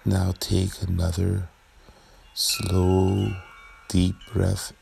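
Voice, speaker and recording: A man leading a guided relaxation meditation in a soothing, gentle, unhurried manner with long pauses. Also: low-pitched, monotone, creaky, slight background noise.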